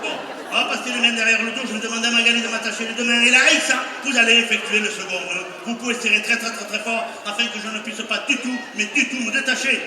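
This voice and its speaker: Casting: male stage magician, high voice, teasing comic patter, emphatic instructions to volunteers, very echoey distant gymnasium recording. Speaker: stage magician doing a comedy rope act. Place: large indoor gymnasium show before an audience. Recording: very echoey gymnasium, distant mic, noisy crowd.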